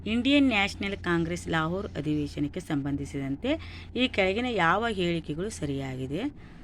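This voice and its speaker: With a North Karnataka accent, a woman reads exam questions and their answers one by one, teaching like an instructor as she lists each item. Her voice is lowish and animated at a moderate pace, with slight hiss or hum in the recording.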